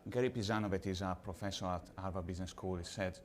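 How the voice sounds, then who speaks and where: A man's voice: sits low, slight background noise. Italian-accented man on a panel. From Italy. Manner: measured, explains with figures, slightly halting English. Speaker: panelist, pharma executive. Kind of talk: conference panel talk.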